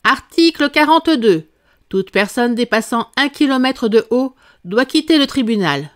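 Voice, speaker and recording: Woman voices blustering fairy-tale king, grave, pompous, loud. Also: on the high side, animated, moderate pace, voice pushed up, natural voice. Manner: grave, pompous, prone to shouting.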